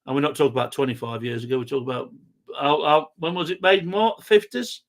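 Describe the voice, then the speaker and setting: A man's voice: a little high, fast talker, fairly bright tone. A man with a South Derbyshire, East Midlands accent, chatting casually in an informal, matey way. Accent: South Derbyshire, East Midlands English. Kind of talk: casual chat.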